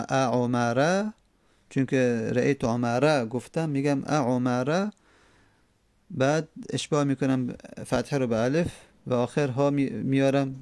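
A man's voice: medium pitch, a little mellow, dry recording. A male teacher, a native Persian speaker, explaining Arabic grammar step by step, repeating each form with frequent hesitations.

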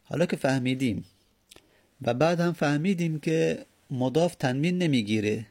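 A man's voice: mid-range voice, a little mellow. A man teaching Arabic grammar, explaining patiently step by step and repeating his examples. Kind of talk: explaining lesson.

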